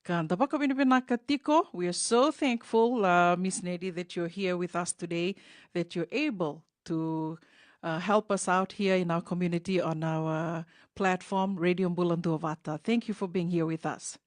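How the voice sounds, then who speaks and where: Fijian lady radio host, lowish voice, dry close sound, lots of uhs and ums. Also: steady tone, dry recording. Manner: measured, many filler sounds, switches between two languages. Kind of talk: community radio interview.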